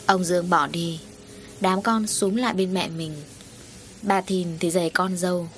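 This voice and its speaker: A woman narrating an audiobook story in an even, plain storytelling voice. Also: fairly low pitch, measured pace, faint music behind.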